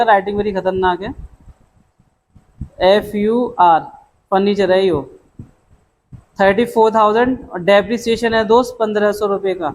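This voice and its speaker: A man teaching an accounting lecture in a brisk, chatty way, calling students "beta" and "dost" and dropping English terms into his explanations. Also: high-pitched, slight background noise, poor audio. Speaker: commerce tutor. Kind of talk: classroom lecture.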